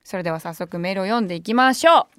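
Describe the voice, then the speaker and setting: Fast-talking young woman radio host. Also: medium pitch, fairly bright tone, no echo, clean studio sound. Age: young adult. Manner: chatty storytelling with wry asides. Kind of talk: casual radio talk. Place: radio studio. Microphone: studio microphone.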